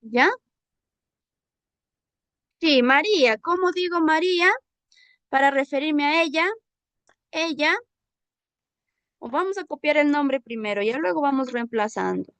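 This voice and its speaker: A woman's voice: high voice, unhurried, pauses often, fairly bright tone, no echo. A woman teaching a classroom English lesson in Spanish with a Peruvian accent, patiently repeating examples and checking that students follow. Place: school class session.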